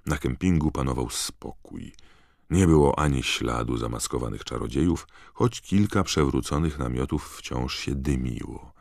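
A man narrating an audiobook in a low, measured way. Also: creaky, dry recording, clean studio sound. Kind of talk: scripted narration.

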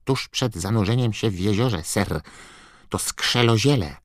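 A man voicing an excitable male house-elf servant who squeaks and screeches and talks about himself in the third person. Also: unhurried, no echo, clean studio sound. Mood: eager, urgent.

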